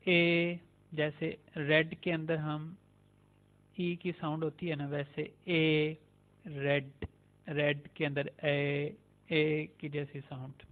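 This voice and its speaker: A man teaching a beginner language lesson, saying each letter slowly and repeating it several times. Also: a little high. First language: Urdu. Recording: tinny phone-like sound.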